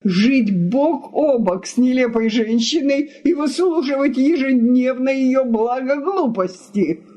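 A woman's voice: a little high, expressive, a little slow, darkish tone, pitched above the performer's own voice. A woman reading aloud, voicing an exasperated middle-aged husband who blusters and pleads. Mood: pleading.

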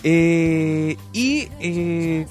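Young man, Chilean accent, high voice, radio host, rambling with fillers, faint music behind. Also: expressive, extremely slow, a little mellow. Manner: chatty, many fillers and restarts. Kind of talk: casual radio chat about music. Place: radio studio.

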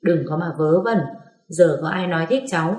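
A teasing young uncle who scolds and jokes with a lilt, as a woman narrator puts him on. The voice sits low and mellow, barely shifted from her own reading tone. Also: normal speed, natural voice.

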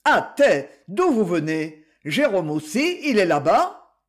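Man playing a flustered old shoemaker uncle, grumbling, high voice. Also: huge pitch swings, slow, full character voice.

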